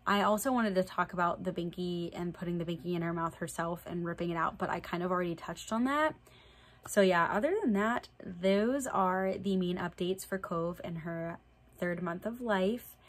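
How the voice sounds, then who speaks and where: This young vlogger speaks at a moderate pace with a fairly low pitch, sounding a little nasal from a slight cold. Talking casually to camera for a vlog update, she keeps things chatty and plain, dropping fillers such as "so yeah." Behind her in the indoor room are a draped backdrop and string lights.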